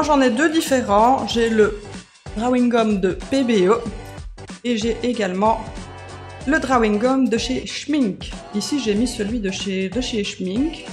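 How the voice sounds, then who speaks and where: A woman's voice: medium pitch, darkish tone. A woman hosting a coloring craft video, chatting casually with many fillers and joking at herself. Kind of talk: casual coloring tutorial chat.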